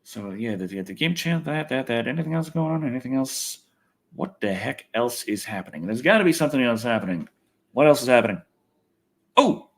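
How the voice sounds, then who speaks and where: An American livestream host and video reviewer from Texas, he talks briskly in a gravelly voice full of very lively pitch swings. His chat with viewers is rambling and casual, with free swearing, thinking out loud and self-deprecating humor.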